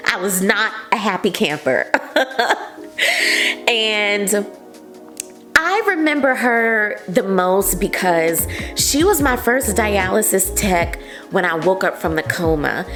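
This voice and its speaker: A woman's voice: medium pitch, a bit bright. Woman vlogger, earnest, encouraging, casual talk, faint music underneath. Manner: earnest and encouraging, often says "like" and "you know". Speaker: vlogger sharing patient advice. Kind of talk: casual heartfelt talk to camera.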